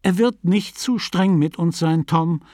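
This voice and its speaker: A man's voice: fairly high pitch, lively intonation, moderate pace, no room sound, clean studio sound, voice pushed up. A man doing an eager, agreeable Dublin man. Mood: agreeing.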